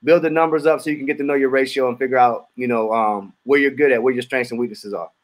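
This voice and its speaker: A man's voice: mid-range voice, steady tone, fast talker. A man answering a trainer's questions on a video call, thinking aloud as he goes. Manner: thinks aloud with fillers and restarts.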